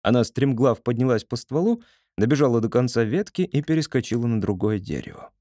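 A man narrating an audiobook with expressive storytelling. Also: medium pitch, brisk, dry recording, clean studio sound.

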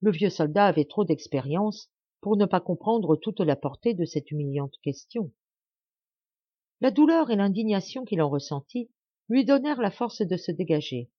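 A woman narrating an audiobook of a classic novel with an expressive, dramatic reading. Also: mid-range voice, moderate pace, breathy edge, dry recording, dull audio.

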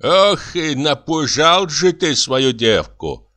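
Guy doing a nosy old granny, high and swoopy, folksy drawl, audiobook. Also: animated, slow pace, pushed and bright, full character voice. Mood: fussy. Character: fussy, meddling old village woman.

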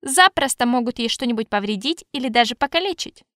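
A woman voicing a calm, knowing male adviser who explains things matter-of-factly. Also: a little high, fairly quick, no echo, studio quality. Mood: explaining.

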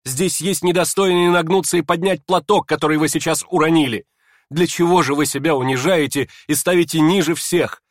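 A man reading aloud and voicing a proud young woman, furious and scornful, in shrill indignant outbursts. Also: fairly even intonation, fairly quick, no echo, studio quality, lightly acted.

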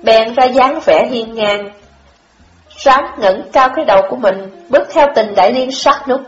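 Give me a woman telling a story in a measured, expressive way, dull lo-fi audio. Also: on the high side. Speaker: story narrator. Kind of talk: audiobook narration. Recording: dull lo-fi audio, echoey room, faint music.

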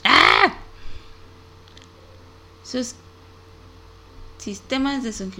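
A woman's voice: fairly high pitch, wildly swooping pitch, drawn-out words, creaky, sharp tone, slight background noise. Chatty giggly woman streamer. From Mexico. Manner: chatty and giggly, talks to chat, lots of filler "este". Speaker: online show host. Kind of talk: casual live-stream chat.

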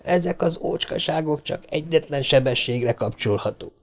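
A man's voice: on the high side, animated, voice pushed up, close to an everyday voice. A man voicing a dry, sarcastic male astronaut engineer who answers curtly in an audiobook. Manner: sardonic, curt.

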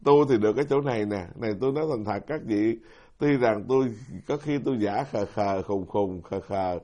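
A man's voice: on the low side, brisk, dark tone, lo-fi sound. A middle-aged man, a Buddhist monk giving a folksy, self-deprecating dharma talk who keeps putting questions to his audience. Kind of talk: sermon.

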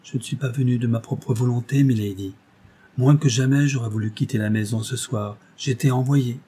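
A timid young innkeeper's wife from an audiobook, as a male reader voices her, humble and always apologizing. The voice is warm and dark, slightly husky. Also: medium pitch, steady tone, normal speed, lightly acted. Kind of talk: audiobook reading.

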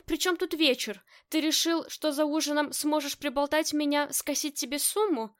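A woman's voice: high voice, steady tone, moderate pace, pitched above the performer's own voice, natural voice. Woman reading as a wry tough gang boss woman. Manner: dry, mock-stern.

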